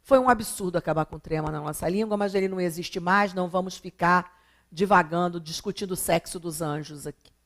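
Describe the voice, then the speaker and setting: A Brazilian woman teaching a recorded grammar lesson, asking rhetorical questions and drawing out words for emphasis. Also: on the low side. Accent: Brazilian Portuguese. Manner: emphatic, drawn-out syllables when stressing examples; rhetorical questions answered herself.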